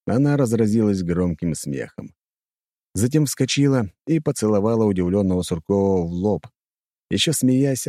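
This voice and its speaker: A man narrating an audiobook in a measured storytelling voice. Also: low-pitched, mellow, dry recording, studio quality.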